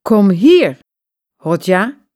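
A woman voicing an angry, scolding wife in a slow, emphatic storybook reading. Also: on the high side, sing-song, warm tone, no room sound, studio quality, pitched above the performer's own voice.

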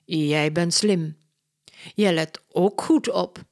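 Gentleman detective, read by a woman, polite, deliberate, slow storybook voice. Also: lowish voice. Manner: slow, measured, courteous. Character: polite older male detective, calm and deliberate.

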